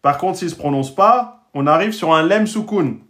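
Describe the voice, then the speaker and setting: A man's voice: sits high, expressive, a bit bright. A man teaching the Arabic alphabet and Quran reading rules, patiently sounding out words and checking in with his learners. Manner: patient, checks in often with "d'accord?" and "hein?"; sounds out Arabic words slowly and repeats them. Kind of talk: explanatory lesson to French-speaking learners.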